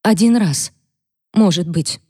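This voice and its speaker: A woman's voice: mid-range voice, moderate pace, dark tone, no room sound, clean studio sound, voice pushed up, close to an everyday voice. A woman voicing a timid, frightened young servant girl giving tearful testimony, her speech hesitant and trembling. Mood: fearful, trembling.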